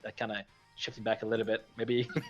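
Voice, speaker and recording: A man co-hosting a casual gaming podcast, talking hesitantly with lots of pauses and restarts. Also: fairly low pitch, flat delivery, lo-fi sound. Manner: hesitant, many fillers and restarts, laughs easily. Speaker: podcast co-host. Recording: faint music bed behind.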